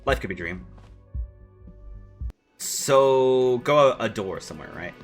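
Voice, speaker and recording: A man streaming a video game, talking casually in an excitable, joking, profane way. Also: medium pitch, unhurried, soft background music.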